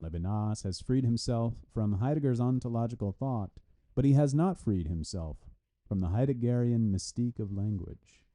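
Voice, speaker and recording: In a mellow, mid-range voice at a moderate pace, a man delivers a scripted, formal reading of a translated philosophy review. Citations and punctuation are read out loud rather than skipped.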